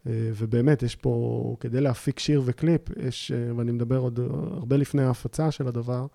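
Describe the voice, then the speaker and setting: A man speaking as a podcast guest, explaining a volunteer memorial project in a halting, searching way with frequent pauses. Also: mid-range voice, fairly even intonation, vocal fry, mellow, no room sound, studio quality. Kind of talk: casual conversation.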